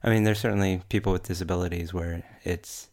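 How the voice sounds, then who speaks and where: A man with a broad New Zealand accent, talking casually about tech as a podcast panelist in a measured way, pausing mid-sentence. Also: low-pitched, fairly even intonation, a little mellow.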